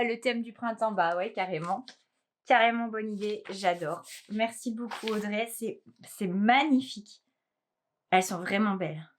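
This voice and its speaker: A woman vlogging casually about knitting gifts, gushing and exclaiming, often trailing off into soft murmurs. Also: fairly high pitch. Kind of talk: casual unboxing chat.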